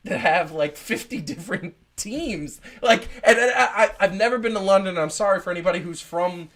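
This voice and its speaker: A man's voice: sits high, a little fast, fairly bright tone. A man hosting a casual podcast, rambling with many fillers and restarts. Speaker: podcast host.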